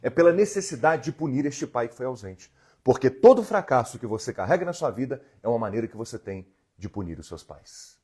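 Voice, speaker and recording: A man's voice: mid-range voice, sing-song, brisk, a little mellow, husky. A man. He is an emotional healing therapist who talks earnestly and directly to viewers on a live stream from his home. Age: 40s. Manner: earnest, coaching, talks straight to the audience and reads their comments.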